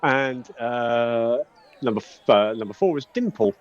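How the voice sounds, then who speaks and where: A man narrating a tabletop game as game master in a casual, rambling, halting way. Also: mid-range voice, expressive, over a noisy crowd. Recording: dull, lo-fi sound.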